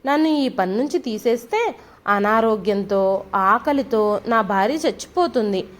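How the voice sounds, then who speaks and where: A meek, poor old man humbly apologizes and begs in an audio storybook, as a woman narrator reads his part. The reading stays high and lively. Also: a little slow. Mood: pleading. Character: poor elderly man, timid and pleading worker.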